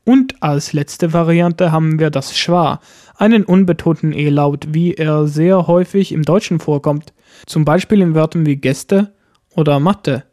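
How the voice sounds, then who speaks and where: A man teaching a pronunciation lesson, speaking carefully and saying example words slowly for learners to repeat. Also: a little high, mellow, no echo, clean studio sound. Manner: slow, careful, model words spoken for repeating. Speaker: language teacher. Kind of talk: scripted language lesson.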